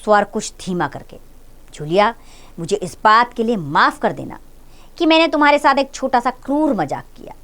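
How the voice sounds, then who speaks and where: A woman teacher voicing a stern, angry male householder who lectures and nearly shouts at his maid. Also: medium pitch, sing-song, normal speed, lightly acted. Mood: lecturing.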